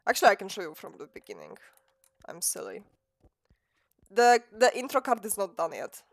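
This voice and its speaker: Her voice sits mid-range but swings hugely in pitch at a normal pace as this young woman, a streamer and animator, chats on a live stream while working. Rambling and self-mocking with frequent giggles, she sounds a bit sniffly from a cold, in a dry recording with faint background music.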